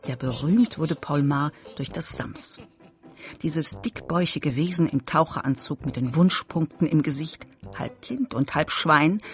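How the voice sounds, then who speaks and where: A narrator reading a scripted radio feature in a measured, even way. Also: medium pitch.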